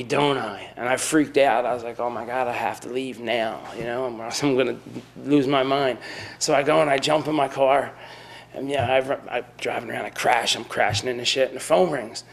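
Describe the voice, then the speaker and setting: A man's voice: medium pitch, vocal fry, a little hiss or hum. A young man rambling through a casual rant, repeating himself and tossing in "you know what I mean.". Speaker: storyteller.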